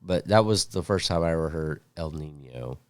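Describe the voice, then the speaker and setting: A man co-hosting a podcast in casual chat, easygoing and halting, unsure of his facts. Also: a bass voice, animated, no echo. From Indiana. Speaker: podcast co-host.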